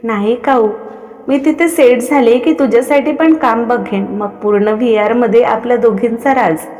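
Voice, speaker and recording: A woman voicing an emotional young woman dancer, excited and tearful. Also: a little high, moderate pace, lightly acted. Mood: affectionate. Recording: long reverb.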